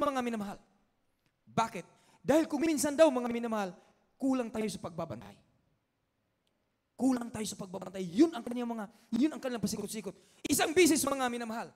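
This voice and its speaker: A male preacher with a very high voice delivers an impassioned sermon, circling back to his refrain again and again. He swings from loud, urgent declarations to near-hushed lines. His voice rings out through the long echo of a large church hall.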